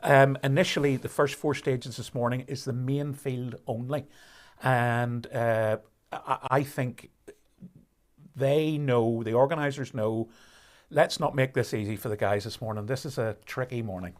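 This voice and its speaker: A man commentating on a rally live stream, explaining conditions in a measured way with fillers and restarts. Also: medium pitch, fairly even intonation.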